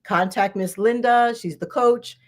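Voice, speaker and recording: A woman around sixty who is a guest author on a livestream interview, gushing and warm, spelling details out slowly over a video call. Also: on the high side. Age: 60s.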